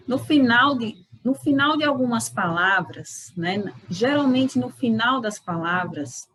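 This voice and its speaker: A Brazilian woman with Portuguese as her first language, giving a Spanish lesson and speaking slowly to her students, modelling each word so they can repeat it after her. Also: on the high side, breathy edge, rough recording. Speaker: Spanish teacher. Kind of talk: slow, careful language lesson.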